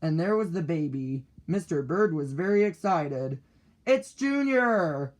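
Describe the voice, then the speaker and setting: A man reading a children's picture book aloud, deliberate and expressive. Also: on the high side. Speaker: storybook reader.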